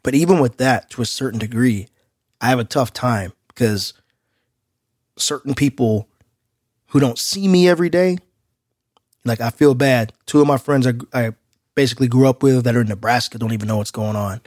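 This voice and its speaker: A man's voice: medium pitch, normal speed, long pauses, a little mellow, no echo, clean studio sound. A man co-hosting a podcast in casual chat, talking in loose street slang with an outgoing manner. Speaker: podcast co-host.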